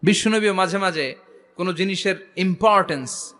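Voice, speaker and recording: A man's voice: high voice, pushed and bright. A man preaching a sermon to a gathering, calling questions out to the crowd and drawing answers back from it. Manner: rousing call-and-response with the crowd; chants Quranic verses slowly.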